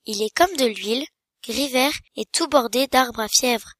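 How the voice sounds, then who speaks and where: A woman's voice: on the high side, fairly bright tone, no echo, clean studio sound. A woman voicing a mournful bird who gives directions in a lamenting tone. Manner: lamenting, slow.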